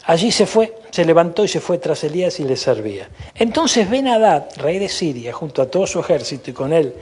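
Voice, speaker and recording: Husky Argentine pastor preaching. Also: male voice, a little high, sing-song, a little fast, a little mellow. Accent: Argentine Spanish. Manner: emphatic preaching, frequent "¿no?" and "gloria a Dios" asides. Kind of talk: sermon.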